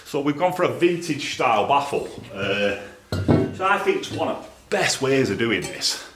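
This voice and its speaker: There's background noise as a man with a mid-range, sing-song voice talks at a moderate pace in a cramped, cluttered workshop. The Northern English exhaust fabricator and video presenter rambles informally to camera while thinking aloud, and the space sounds echoey.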